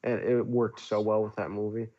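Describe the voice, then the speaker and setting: A man's voice: lowish voice, flat delivery, normal speed, dark tone, lo-fi sound, a little hiss or hum. A young man, a podcast guest, gushing in casual chat, rambling with lots of filler words. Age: young adult.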